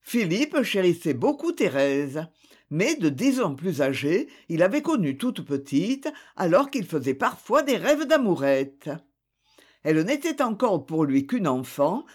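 An audiobook reader giving a measured, expressive literary narration. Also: medium pitch.

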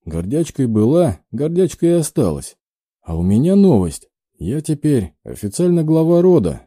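Condescending young noble, voiced by the reader, slow drawl, husky tone. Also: male voice, fairly high pitch, sing-song, warm tone, no room sound, clean studio sound, voice pushed up. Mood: smug. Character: smug young aristocrat man, mocking.

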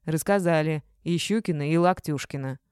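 A woman reading a gruff, domineering middle-aged male boss who talks in a blunt, bossy growl. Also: sits low, normal speed, darkish tone, no room sound, clean studio sound, natural voice. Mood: angry.

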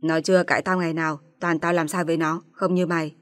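A woman voicing a gruff, angry elderly father-in-law who scolds loudly. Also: low-pitched, little pitch movement, quick pace, no echo, natural voice. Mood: scolding.

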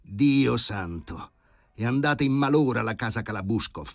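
A stern, pompous old professor holds court in this audiobook, voiced by a man reading it aloud. His lines come raised and deliberate, each word weighed with irony. The tone is lively in pitch and a little husky. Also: no echo, studio quality. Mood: haughty, stern. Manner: grave, ironic, drawn-out emphasis. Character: pompous elderly male professor, stern and sardonic.

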